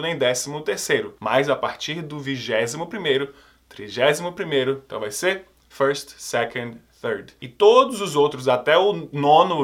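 A Portuguese-speaking man gives an English pronunciation lesson, modeling each word twice and exaggerating the sounds in an over-articulated way. His voice is a little high and a bit bright.

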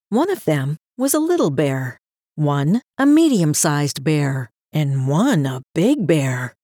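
A woman narrating a fairy tale aloud in an expressive, sing-song storybook manner. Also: sits low, no echo, studio quality.

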